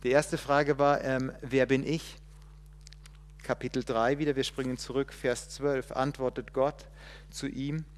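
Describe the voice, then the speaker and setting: A man preaching a sermon, shifting between loud emphatic quotations and quiet, reflective passages, with hesitations as he looks up verses. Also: mid-range voice, flat delivery, measured pace, in a large hall, slight background noise. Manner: restarts and hesitates while looking up verses.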